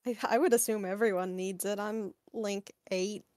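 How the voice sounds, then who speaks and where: A woman chatting casually with friends during a game, matter-of-fact and quick with her asides. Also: mid-range voice, steady tone, darkish tone. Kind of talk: casual gaming chat.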